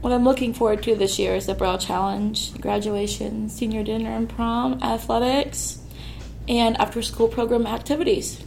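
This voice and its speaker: A young woman, a high school senior, giving short plain answers with ums about her summer. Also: steady tone, normal speed, gravelly, darkish tone, slight background noise. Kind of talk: casual interview answers.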